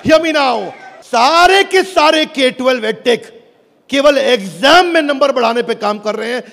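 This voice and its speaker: A man giving an energetic motivational business speech to a live audience, rallying the crowd. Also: very high voice, a little slow, gravelly. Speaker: business speaker pitching an app. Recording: echoey hall with crowd noise.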